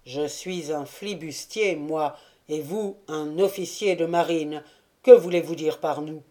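Woman reading a gruff old pirate gunner guy, low grumbly voice, kinda distant and dark. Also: unhurried. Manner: grumbling, surly. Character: gruff old male buccaneer gunner, brooding.

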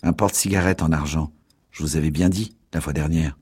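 A tense, feverish young man, read by a male narrator who snaps out short, brusque replies. The voice is deep and roughly husky. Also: steady tone, a little fast, darkish tone. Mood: curt.

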